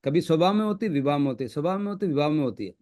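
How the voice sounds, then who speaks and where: A man's voice: on the high side, expressive, very fast, darkish tone. A man talking through spiritual teachings in a casual discussion, earnest and colloquial, repeating phrases for emphasis. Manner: laughs between points.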